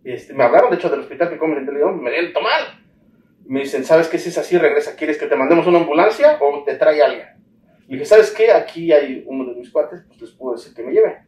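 A man with a Mexican accent tells his own story in an interview, acting out the voices of the people he dealt with. His voice sits a little high for a man. He sounds set back from the mic in a roomy, echoey space with faint ambience behind him. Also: quick pace, recorded from a distance. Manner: animated storytelling, acts out the dialogue he recalls. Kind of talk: personal account in an interview.

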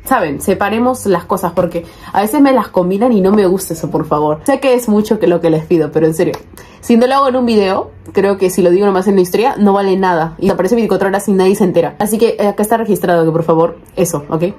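A young woman chatting casually as she unboxes toys, excitable, often squealing over cute little figures. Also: medium pitch, fast talker, breathy edge. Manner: chatty, uses many diminutives. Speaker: toy collector vlogger.

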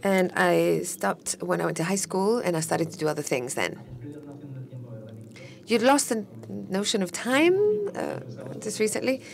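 Speaking on the low side with a creaky quality, a woman interprets a panel discussion live. She is steady overall, but she falters slightly and restarts to keep up with the speakers.

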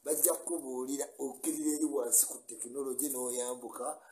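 An older Ugandan vlogger chats casually on a live stream from a small room, captured by a webcam or phone in front of him on a rough recording. He talks fast in a mid-range, level, dark-toned voice, greeting viewers by name and laughing often.

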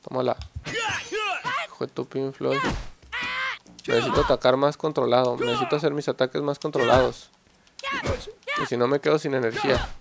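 A young man giving excited, joking gameplay commentary and swearing at his opponents. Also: medium pitch, moderate pace, creaky, pauses often, heavy background noise. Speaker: gameplay channel host.

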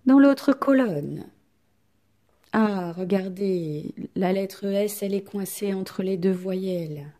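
A woman teaching a reading lesson to young pupils, speaking slowly and stretching out each sound. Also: mid-range voice, warm tone. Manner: slow, clearly articulated, stretches out sounds. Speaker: primary school teacher.

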